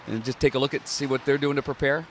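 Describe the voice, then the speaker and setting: A male interviewer puts his questions haltingly, restarting his words before he gets them out. His voice sits at an ordinary pitch. Faint outdoor noise runs under the recording. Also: steady tone. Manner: halting, stumbling starts to questions. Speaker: interviewer, broadcaster.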